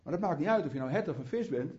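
Male preacher, fervent and chatty, slightly high voice with a mellow tone, muffled lo-fi recording. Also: expressive, rapid-fire. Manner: fervent, rising to prayerful fervor; chatty asides, restarts. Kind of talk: sermon. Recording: muffled lo-fi sound.

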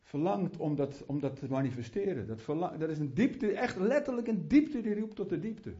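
Here the preacher is a man with a fairly high, warm, animated voice, moving at a moderate pace. He preaches fervently but conversationally, with asides, false starts, and frequent rises into heartfelt prayer. The recording sounds muffled and lo-fi.

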